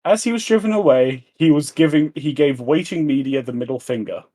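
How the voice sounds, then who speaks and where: A man's voice: fairly high pitch, brisk, dark tone. A man co-hosting a podcast, recapping events in casual, hesitant talk. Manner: hesitant, with fillers and restarts. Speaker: podcast co-host. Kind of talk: casual chat, recapping a case.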